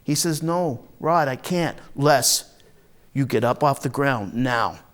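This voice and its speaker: A man with a slightly high voice plays a volatile, hard-drinking, foul-mouthed Marine from a rough neighborhood, delivering a lightly acted first-person dramatic monologue. He tells his story conversationally, grim and pained, his raw, profane speech halting before bursting into anger.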